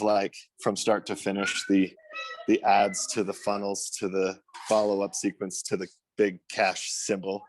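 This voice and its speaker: A man's voice: lowish voice, darkish tone. Breathless, rambling man on a video call. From Utah. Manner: enthusiastic, rambling, many fillers. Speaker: meeting participant. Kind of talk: casual video call talk. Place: outdoors, windy. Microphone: phone on a video call.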